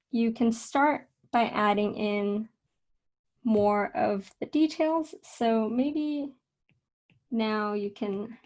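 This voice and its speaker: A young woman teaching a casual drawing lesson, talking in a relaxed, chatty way with fillers and self-corrections. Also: a little high. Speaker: art instructor.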